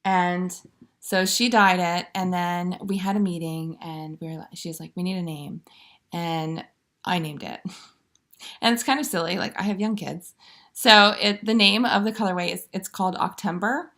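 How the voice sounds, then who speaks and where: Chatty knitting lady, lots of ums and little laughs, gravelly fry in her voice. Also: lowish voice, steady tone, normal speed, a bit bright. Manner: chatty, rambling, giggly, full of fillers. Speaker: knitting podcast host. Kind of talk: casual show-and-tell chat.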